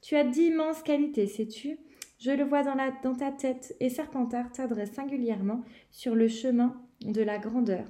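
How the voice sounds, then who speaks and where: Old talking magic hat, woman doing it, musing, deliberate, fairly high voice, storybook reading. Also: steady tone, mellow, natural voice. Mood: pondering.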